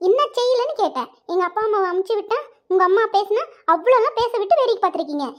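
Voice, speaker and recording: Squeaky high cartoon girl, quick and stubborn, indignant, woman voicing her. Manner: firm, indignant, reproachful. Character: young woman, stubborn and wounded bride-to-be.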